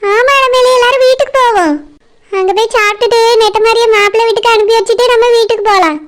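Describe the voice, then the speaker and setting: Woman doing a gentle village friend, very high voice. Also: steady tone, fast talker. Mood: comforting. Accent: Kanyakumari Tamil. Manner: gentle comforting.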